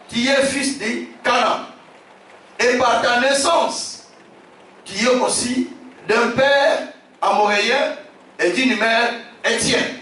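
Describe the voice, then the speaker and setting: A man from Africa, a bishop preaching a sermon, emphatic, repeating his phrases and shouting key lines. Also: extremely high pitch. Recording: very echoey hall, distant from the mic.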